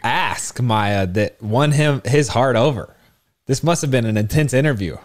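A man's voice: mid-range voice, measured pace. Male co-host, upbeat, casual chat, mid-range voice. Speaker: podcast co-host.

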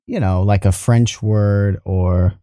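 New man, mellow tone, chatty halting host, dry close mic. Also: on the low side, fairly even intonation, smooth, no echo. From New York, United States. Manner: chatty, halting, laughs easily. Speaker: podcast host. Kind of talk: casual podcast conversation.

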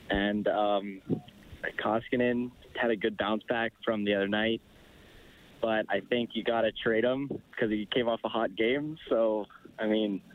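A man with a lowish voice speaks over a tinny, narrow phone line. He is calling in to a show and chats casually. He hesitates often and fills the gaps with fillers. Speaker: caller. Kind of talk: casual call-in chat.

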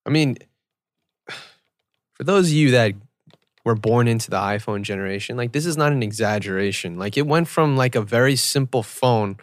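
A man co-hosting a casual chat in an expressive, conversational way. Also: medium pitch, normal speed, no room sound, studio quality.

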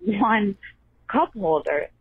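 A woman's voice: medium pitch, animated, slight background noise. Woman caller on a tinny phone voicemail. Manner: slow, halting telling of a small story. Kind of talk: voicemail message.

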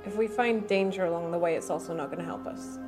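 A woman's voice: on the low side, fast, over music. A woman playing a tabletop role-playing game, talking in casual in-game conversation.

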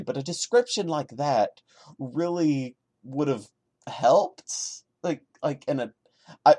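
In a clean studio recording with no echo, a male podcast host with a mid-range, darkish voice gives a dramatic reading. He keeps interrupting the narration with sarcastic, exasperated remarks.

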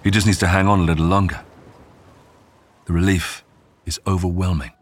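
A man giving measured, scripted narration of a true survival story. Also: low-pitched, slightly rough. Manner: measured, even storytelling delivery. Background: faint music.

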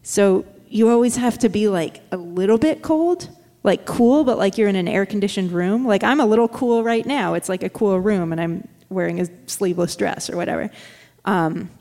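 Chatty woman musher, quick and casual. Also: medium pitch, dark tone, big-room sound. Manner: quick, chatty, many fillers. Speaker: guest, dog musher. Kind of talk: casual interview chat.

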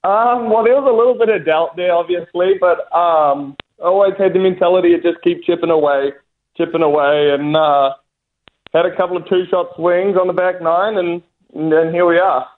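A young New Zealand man, a professional golfer appearing as a guest, answers interview questions casually over a tinny phone line. His voice is high-pitched with fairly even intonation at normal speed. He sounds hesitant, full of fillers and restarts, and laughs easily.

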